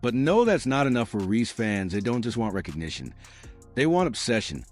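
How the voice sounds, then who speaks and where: A man's voice: mid-range voice, very animated, moderate pace, soft background music. A man narrating a scripted commentary in a sarcastic, theatrical manner.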